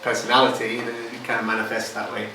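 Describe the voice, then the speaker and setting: A man's voice: fairly low pitch, monotone, quick pace. A man teaching hypnotherapy informally and answering questions, with loose, hesitant conversational phrasing. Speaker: hypnotherapy instructor. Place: reverberant room. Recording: distant mic in echoey, noisy room.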